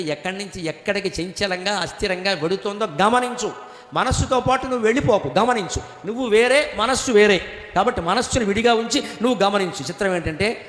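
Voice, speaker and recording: A man's voice: sits high, fairly bright tone. An older man giving a spiritual discourse, joking, mimicking everyday people and chanting Sanskrit verses. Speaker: spiritual speaker. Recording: echoey hall with long reverb.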